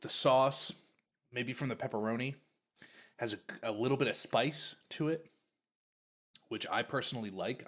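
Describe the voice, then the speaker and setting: In a lowish, fairly bright voice, a man gives a casual snack food review on his stream. He chats freely with plenty of fillers, occasionally talking with his mouth full.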